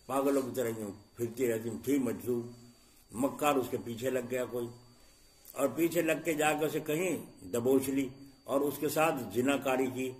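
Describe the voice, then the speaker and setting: A middle-aged man preaching an Islamic sermon, asking the congregation questions and acting out little scenes with sudden jumps in loudness. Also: medium pitch, fairly even intonation. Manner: rhetorical questions to the congregation, acts out scenes with sharp shifts in loudness.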